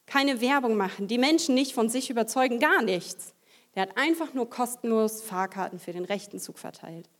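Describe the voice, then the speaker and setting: Animated woman preaching a testimony. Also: a little high, moderate pace. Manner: vivid storytelling, acts out quoted voices. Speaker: lay preacher. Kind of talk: testimony sermon to a congregation.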